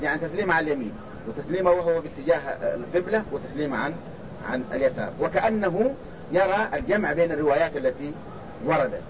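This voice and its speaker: A man teaching a religious text in a classroom lecture, restating his points and quizzing his students. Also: a little high. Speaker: sheikh teaching a hadith commentary. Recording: dull lo-fi sound with loud background noise.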